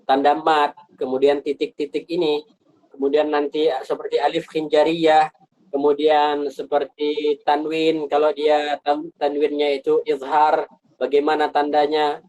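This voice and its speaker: Man, slightly high voice, patient teacher, repeats points, rhetorical questions, video call. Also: monotone, measured pace, darkish tone, rough recording. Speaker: Quran recitation teacher. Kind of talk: online class explanation.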